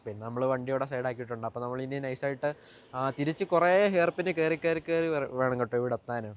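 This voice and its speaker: Fast-talking young Malayali man, English-mixed vlog. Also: medium pitch, steady tone, dull audio, slight background noise. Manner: informal, repeatedly addressing viewers. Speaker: vlogger. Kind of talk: casual driving vlog chat to viewers.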